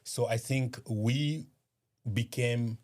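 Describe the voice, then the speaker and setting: A man from eastern Congo, speaking as a guest in an interview, measured and hesitant with many pauses and fillers. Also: medium pitch, steady tone, a little mellow. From Eastern Democratic Republic of Congo. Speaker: guest, community organization founder. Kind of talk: interview conversation.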